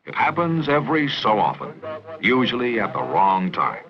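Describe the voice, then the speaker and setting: Lively American training-film narrator, a man. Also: lowish voice, normal speed. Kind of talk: scripted 1960s military training film narration. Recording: muffled vintage film soundtrack with music. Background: music.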